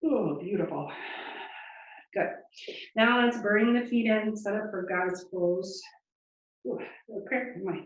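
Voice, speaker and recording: A woman leading a yoga class, giving calm, encouraging cues and counting breaths, a little out of breath as she moves. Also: mid-range voice. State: slightly out of breath. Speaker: yoga instructor. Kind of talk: guided yoga class instruction. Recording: distant, echoey, muffled room sound.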